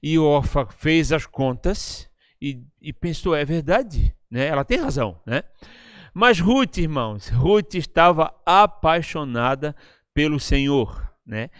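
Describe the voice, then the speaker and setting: A Brazilian Portuguese-accented man delivers a relaxed, conversational sermon at a church service. His voice sits a touch high and sounds smooth and resonant. The sound is close and dry, and he keeps checking in with his listeners as he goes. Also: takes it slowly, no echo. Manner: chatty, tags lines with questions to the listeners. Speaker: preacher. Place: church service, live-streamed.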